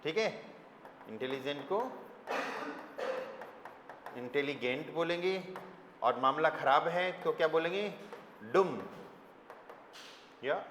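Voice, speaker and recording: A man's voice: on the high side, slow pace, pauses often, fairly bright tone. Indian man teaching a class in a reverberant room. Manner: explains and quizzes students, spells words out letter by letter. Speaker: German teacher. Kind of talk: classroom lesson. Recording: echoey classroom with long reverb, faint room noise.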